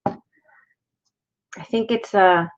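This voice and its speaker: A middle-aged woman hosts a live craft tutorial, chatting casually as she works and slipping in Spanish phrases. Her mid-range voice is steady in tone and extremely slow. She's picked up by a desk mic above an overhead craft camera, and the audio is slightly dull with a faint hiss.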